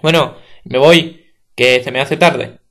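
A man's voice: medium pitch, slow pace, a bit bright. A man with a Spain Spanish accent reading the part of an outspoken, gossiping middle-aged neighbor woman in a play audiobook. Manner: blunt, nosy, gossiping.

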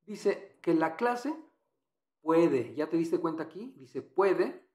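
A man explains exam answers in a patient, repetitive way, often translating phrases. He talks slowly, with a voice pitched a little high for a man. The room around him is echoey. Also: animated, darkish tone. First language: Spanish. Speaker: English teacher.

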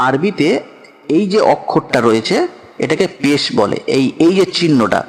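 A man's voice: fairly high pitch, big-room sound. A man teaching Quran reading, patiently spelling out each letter and syllable aloud. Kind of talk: slow spelling-out lesson.

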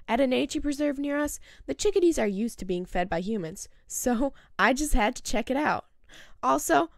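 A woman with a fairly high voice hosts a nature video. She reads scripted narration as a voice-over. The sound is dry, with very little room in it. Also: vocal fry, no room sound. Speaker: host of a birdwatching video channel.

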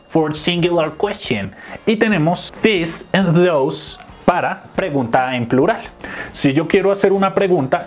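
Teacher, male, patient explainer who slows for examples, slightly high voice. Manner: slows down to pronounce English examples. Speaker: English teacher. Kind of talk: explaining a lesson.

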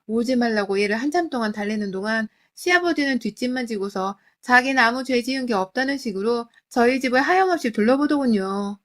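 A woman tells a scripted first-person family story in an emotional, confiding manner. Her voice sits a little high for a woman. The delivery stays close and storyteller-like. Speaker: story narrator. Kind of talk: scripted dramatic storytelling narration.

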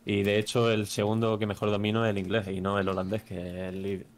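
Chatty streamer man, lowish voice. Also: completely flat delivery, a little fast, slight background noise. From Spain. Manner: chatty, tags many sentences with a questioning aside. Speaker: streamer host. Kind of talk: casual stream chat.

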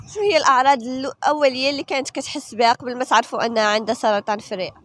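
A woman's voice: sits high, rapid-fire, a bit bright. A young woman with a Moroccan accent reporting and interviewing for viewers on a handheld microphone. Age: young adult. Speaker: field reporter.

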